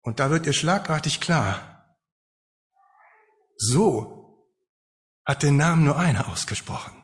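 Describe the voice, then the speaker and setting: Conversational preacher man, slightly high voice. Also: expressive, takes it slowly. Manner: conversational, emphatic, with rhetorical questions. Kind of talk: sermon.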